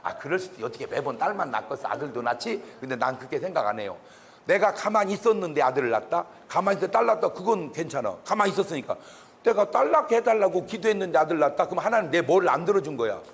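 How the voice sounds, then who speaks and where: A man, a pastor, giving a humorous public lecture in an animated, joking way, sometimes bursting into shouts. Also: a little high, quick pace.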